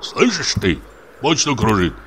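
A man voicing a crude, superstitious village husband who mutters and hurls hoarse accusations, slow and heavy. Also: mid-range voice, big pitch swings, fairly bright tone, a little hiss or hum, pitched above the performer's own voice, exaggerated voice. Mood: accusing.

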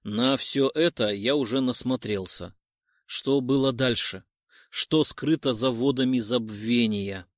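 A man's voice: medium pitch, a little slow, no echo, clean studio sound, pitched below the performer's own voice, lightly acted. A man reading an audiobook, voicing a persistent, knowledge-hungry male god who asks insistent questions.

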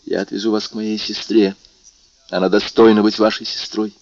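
A man's voice: on the low side, flat delivery, normal speed, a little mellow, lo-fi sound, close to an everyday voice. A man reading aloud and playing a passionate, determined young man in love, earnest and intense.

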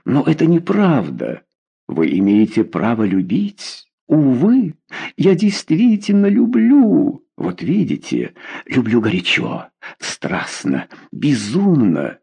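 A man's voice: medium pitch, big pitch swings, slow, vocal fry, mellow, slightly rough, voice pushed up, heavily acted. A man voicing a young queen, coquettish and mockingly naive, in a read-aloud story. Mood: teasing. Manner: coquettish, teasing, mock-naive.

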